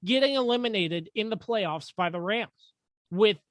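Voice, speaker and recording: A man's voice: sits high, lively intonation, moderate pace, a bit bright, no echo. A man hosting a casual sports podcast, joking sarcastically and tripping over his words. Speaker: podcast host.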